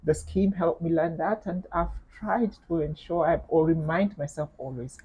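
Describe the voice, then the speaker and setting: A middle-aged woman with a Kenyan accent, speaking as an interview guest in a measured, thoughtful way, with frequent fillers and repeated words. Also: deep voice, mellow, breathy edge, lo-fi sound. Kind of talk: reflective interview conversation.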